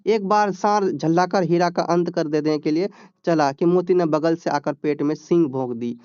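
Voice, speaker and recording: High clear-voiced teacher. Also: male voice, normal speed, a little mellow, no room sound, highs cut off. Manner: reads a passage, then explains it in plain talk with "ठीक है?" checks. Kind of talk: explaining a textbook story.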